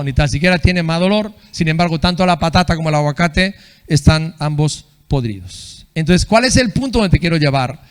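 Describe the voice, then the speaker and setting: A man's voice: sits high, clean tone. A man preaching a sermon as pastor in a church, in a conversational way, often checking with the congregation and acting out quoted people in a raised voice.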